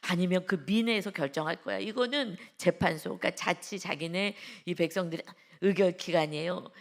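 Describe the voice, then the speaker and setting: A woman's voice: fairly low pitch, vocal fry. A woman pastor giving an early-morning devotional sermon, telling a story in a conversational way and speaking directly to the congregation. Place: church.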